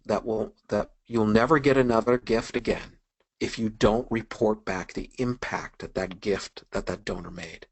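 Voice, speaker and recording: A man's voice: lowish voice, a bit bright, no echo, poor audio. A middle-aged man presenting a fundraising webinar in a casual, conversational way, with frequent ums and you-knows as he tells stories. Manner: casual, conversational, many fillers like um and you know.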